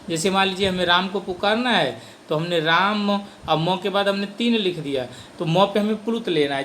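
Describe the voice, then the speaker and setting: A man's voice: sits high, slight background noise. A male teacher giving a grammar lesson, asking questions and answering them himself. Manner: lively, animated delivery.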